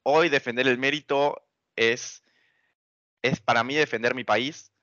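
At an unhurried pace, a young Buenos Aires man, a student activist, thinks aloud through earnest, hesitant interview answers in his accented Argentine Spanish. His medium pitch has fairly even intonation and a pushed, bright quality, with no room sound on the dull lo-fi recording.

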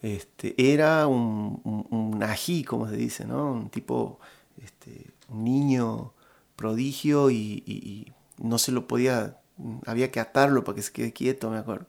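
A middle-aged Argentine man spins a long personal story in a relaxed, rambling way. His voice has a gravelly, creaky edge, and he stumbles through plenty of fillers and restarts. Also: medium pitch. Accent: Argentine Spanish. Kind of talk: casual storytelling.

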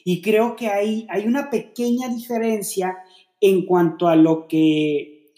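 A man's voice: high voice, takes it slowly, warm tone. A man co-hosting a casual faith-based podcast about relationships, talking reflectively and filling his thoughts with rhetorical questions. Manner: reflective, explains with many fillers and rhetorical questions. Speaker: podcast co-host. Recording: echoey room.

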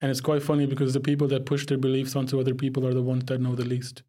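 A man's voice: medium pitch, completely flat delivery, racing, mellow. A young man from Pakistan, a podcast guest talking casually and reflectively, often breaking into laughter. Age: young adult. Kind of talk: casual conversation.

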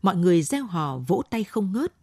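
A woman's voice: on the low side, big pitch swings, brisk, mellow, slightly rough, no room sound. A woman reading a literary short story as late-night narration.

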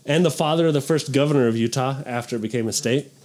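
A man's voice: medium pitch, quick pace, a crowd in the background. A man hosting a casual history podcast, reading from notes and laughing with friends. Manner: reads notes, laughs often. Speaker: podcast host telling history. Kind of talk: casual comedic history chat.

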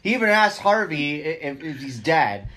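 A man's voice: fairly high pitch, sing-song, moderate pace, pushed and bright. A man co-hosting a casual podcast who stammers and repeats words as he starts his comments. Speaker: podcast co-host. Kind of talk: casual recap chat.

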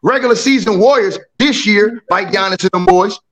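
A man in a heated sports debate, loudly opinionated and ribbing the others as he argues. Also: high-pitched, moderate pace. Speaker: sports panelist.

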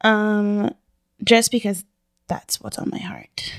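A woman's voice: mid-range voice, animated, slow pace, clean tone, no echo, clean studio sound. A young woman hosting a casual chat with friends, giggly and bursting into sung lines. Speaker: podcast host.

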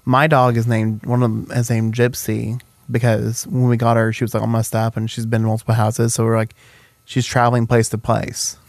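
A man's voice: medium pitch, monotone, gravelly, a little mellow, dry recording. A young man hosting a casual podcast chat in a playful, teasing, jokey way. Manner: playful, jokey, quick to tease. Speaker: podcast host.

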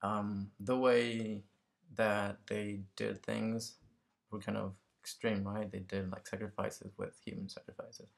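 A Mexican man speaks as an interview guest in a fairly low, creaky voice with little pitch movement and a measured pace. He's casual and reflective, tentatively searching for words and checking in with the listener, often ending statements with "right?"

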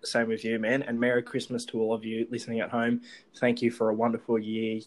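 An Australian man hosts a casual sports chat. His mid-pitched voice stays fairly level in intonation, and he talks informally, as one fan to another. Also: completely flat delivery, a little fast. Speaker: podcast host.

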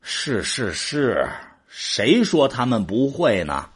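In a Chinese sci-fi audio drama, a man plays a boastful, easily exasperated drinking buddy, sounding indignant. His very husky, rough, medium-pitched voice is sing-song and exaggerated, moving slowly and swinging widely up and down as he grumbles and defends himself.

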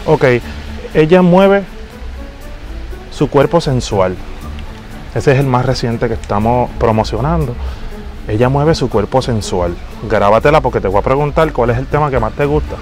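A man's voice: medium pitch, fast talker, few pauses, faint music behind, pitched below the performer's own voice, close to an everyday voice. A man with a Puerto Rican accent pranking people on the street as a pushy, self-important fake singer who calls everyone papi. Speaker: prank show host. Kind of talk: hidden-camera prank.

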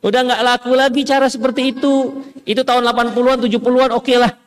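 A man preaching a lively, conversational sermon, quoting Arabic and acting out parents and children. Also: very high voice, fast. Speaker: Islamic preacher.

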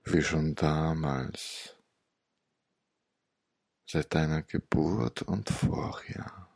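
A man tells a hypnotic meditation story like an old sage, extremely slowly and with long pauses. His low voice is gravelly and breathy, soothing and close to the mic. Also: no room sound.

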